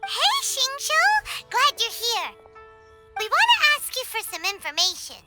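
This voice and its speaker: A tiny fairy sidekick for a video game, extremely high and childlike. The delivery is excitable and swoops up and down, with loud music playing behind. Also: female voice, unhurried, heavily acted. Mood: eager. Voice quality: squeaky, childlike. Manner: exclamatory, refers to self in third person. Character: tiny excitable childlike fairy companion, female, chatty and curious. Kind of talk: video game cutscene acting.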